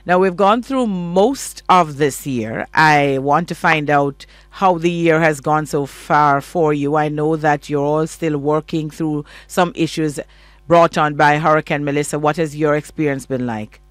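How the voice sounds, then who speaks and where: A man, smoothly hosting a morning radio show with an easy, polished on-air delivery. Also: on the high side, unhurried, a bit bright, no room sound.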